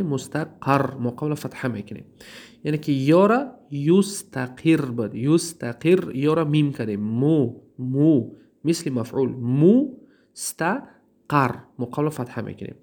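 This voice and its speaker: Man, Tajik accent, grammar teacher, drawn-out repetitions, halting with fillers, self-answered questions. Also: medium pitch, vocal fry, a little mellow. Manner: drawls out word forms, repeats them slowly, then translates; asks questions and answers them himself. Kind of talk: classroom lesson.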